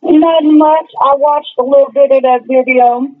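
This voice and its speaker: A woman's voice: high voice, fairly even intonation, moderate pace. A woman calling in over a speakerphone, giving her opinion plainly and laying out her points one by one. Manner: plainspoken, lays out points in order. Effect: heard over a phone on speakerphone. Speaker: caller. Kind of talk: casual chat. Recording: tinny phone line on speaker.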